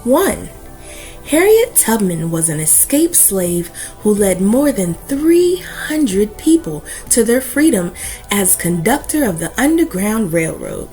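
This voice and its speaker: Hosting a children's book reading, a woman uses an expressive storytelling delivery with deliberate, emphatic phrasing. Her voice is mid-range. Soft music plays in the background of a rough recording.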